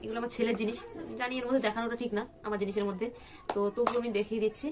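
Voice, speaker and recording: A woman's voice: on the high side, steady tone, very fast, noisy background. A young woman from West Bengal chatting casually at home in a vlog, rambling with many fillers and restarts. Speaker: vlogger.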